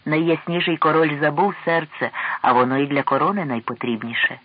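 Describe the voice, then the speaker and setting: A man's voice: on the high side, steady tone, a little fast, no echo, highs cut off, lightly acted. A man voicing a modest young princess in an audiobook, speaking politely and with dignity. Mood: dignified.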